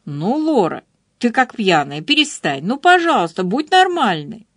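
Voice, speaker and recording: A woman's voice: fairly high pitch, very animated, a little slow, fairly bright tone, no echo, studio quality, heavily acted. A woman voicing an outspoken, exasperated female friend who scolds and pleads emphatically.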